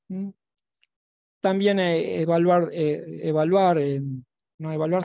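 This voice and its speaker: A man giving an academic talk as a lecturer at a virtual symposium. He pauses and restarts often, with many fillers and tag questions. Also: a little high, warm tone, no echo, clean studio sound. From Argentina. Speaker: university lecturer.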